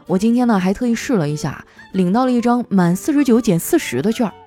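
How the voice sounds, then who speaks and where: Animated chatty woman telling funny stories. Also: medium pitch, quick pace. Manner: chatty, playful, acts out quoted coworkers. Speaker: host. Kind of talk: comic storytelling monologue. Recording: faint background music.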